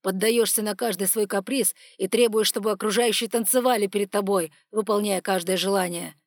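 A woman voicing a stern, controlled male dragon who speaks measured and through clenched teeth, in an audiobook. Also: mid-range voice, fairly even intonation, no echo, clean studio sound, natural voice. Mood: tense.

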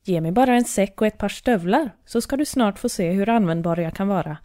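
A woman's voice: medium pitch, mellow, dry recording, clean studio sound, natural voice. A woman playing a sly purring cat. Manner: purring, smooth and persuasive. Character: clever scheming male cat in boots.

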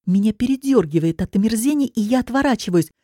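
A woman narrating a first-person audiobook with dramatic, expressive storytelling. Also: on the high side, fast, no echo, clean studio sound.

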